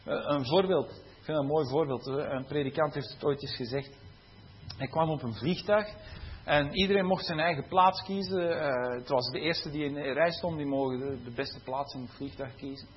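Preacher, chatty and animated. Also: male voice, a little high, normal speed, lo-fi sound, slight background noise. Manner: conversational and animated, laughing at his own stories, tag questions. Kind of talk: sermon.

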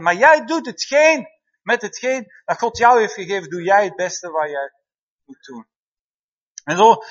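Lively preacher with a high voice. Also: male voice. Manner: lively, calls out "amen" and "hè?" to the congregation. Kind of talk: sermon. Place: church hall before a congregation. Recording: dull, slightly lo-fi sound.

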